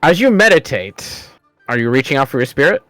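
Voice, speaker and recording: A man's voice: medium pitch, sing-song, fairly quick, a bit bright, no room sound, soft background music. Male game master with dry, close sound. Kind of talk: narrating a tabletop fantasy game.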